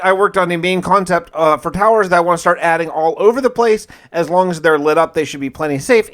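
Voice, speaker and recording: A man with a high-pitched voice hosts a gaming video, casually narrating his own play in the first person with wry, conversational musings.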